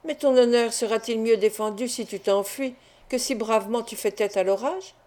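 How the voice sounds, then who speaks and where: A woman's voice: on the high side, steady tone, normal speed, dark tone, natural voice. A woman reading the lines of a self-interested older male business partner in an audiobook, insistent and persuasive. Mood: pressing.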